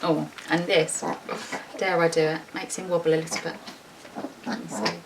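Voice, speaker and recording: A schoolteacher with a low-pitched voice reads a storybook aloud to children, keeping a level tone and a normal speed. She reads expressively and adds chatty, informal remarks while showing the pictures. The mic is distant, and there is faint background noise.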